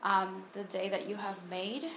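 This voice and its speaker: Unhurried and fairly bright, her medium-pitched voice has little pitch movement. She's a Honduran woman in her thirties casually telling her testimony and praying at a church ministry meeting, with lots of ums and restarts. The phone on the table records an echoey room with noticeable noise behind her.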